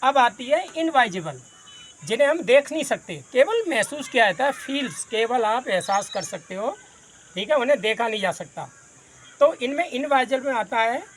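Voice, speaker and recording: A man's voice: high-pitched, fairly bright tone, slight background noise. A man from Agra, India, teaching a grammar class in a patient way, explaining by listing many examples and calling his students "son". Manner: says he talks fast.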